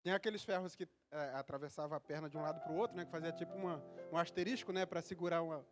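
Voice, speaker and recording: A high-pitched man delivers a sermon into a church microphone, moving from chatty, rambling storytelling to impassioned preaching. Instrumental music plays clearly behind him throughout. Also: steady tone, fast talker. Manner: conversational storytelling, rising to fervent preaching. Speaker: pastor.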